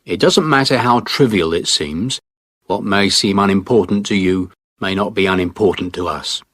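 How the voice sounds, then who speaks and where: A patient police officer gently coaxing a statement out of a witness. His voice is fairly low and calm, recorded dry and close for a scripted listening test. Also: moderate pace, no room sound. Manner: calm, reassuring questioning.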